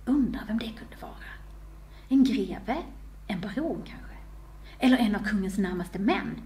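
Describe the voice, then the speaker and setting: A woman's voice: medium pitch, lively intonation, mellow, lightly acted. A woman voicing a dreamy, jealous young lady at a ball, whispering her daydreams.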